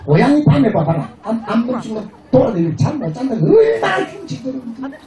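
Brief: husky man, bawdy outdoor stage comic, high lively voice, heard from afar over a roomy PA. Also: quick pace. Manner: crude, swearing, mimics voices, laughs between jokes. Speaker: pumba street performer. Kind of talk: bawdy stage comedy banter with the crowd. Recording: roomy PA sound from far off, crowd. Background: crowd and music.

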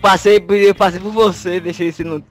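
A man talking in casual gaming banter over an online voice chat that glitches and breaks up, excited and swearing loudly. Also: high-pitched, moderate pace, faint music behind.

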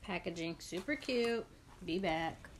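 A woman's voice: lowish voice, lively intonation, a little slow, slight background noise, low-quality recording. A woman vlogger in casual, gushing unboxing chat, full of "like" fillers. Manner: chatty, gushing, lots of "like" fillers.

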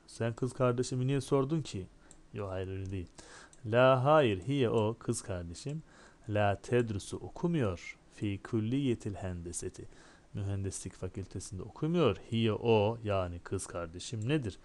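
A man's voice: on the low side, a little mellow. A man teaching a recorded lesson, explaining and translating line by line and asking and answering his own questions, with dry classroom jokes. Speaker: Arabic teacher.

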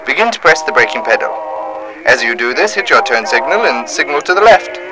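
A man's voice: medium pitch, big pitch swings, brisk, poor audio. A man presenting a scripted 1930s-style instructional film as narrator, with a formal, old-time announcer delivery. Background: music.

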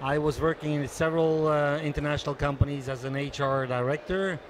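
A man in his sixties from Switzerland, giving a measured, businesslike conference interview into a handheld mic, pausing often. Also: fairly high pitch, fairly even intonation, noisy background. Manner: measured, businesslike, many hesitations. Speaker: interviewee, association treasurer. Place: conference booth indoors.

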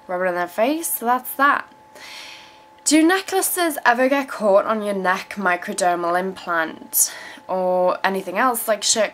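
A South African woman in her twenties who moved to England as a teenager vlogs from a small room at home, answering viewer questions frankly and casually with some swearing. Her voice is medium-pitched and fairly bright. The camera mic sits about arm's length away, picking up slight background noise.

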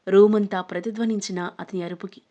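A woman narrating a scripted audio story in a steady, dramatic storytelling manner. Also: mid-range voice, a little fast, muffled recording.

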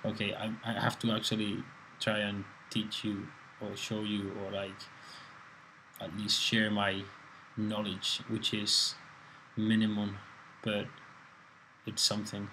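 A man's voice: fairly low pitch, completely flat delivery, slow, long pauses, a little hiss or hum, low-quality recording. A man from Spain, a fitness coach giving a casual, joking workout voice-over with plenty of swearing. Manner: laid-back, swearing, joking banter. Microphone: voice-over, close mic.

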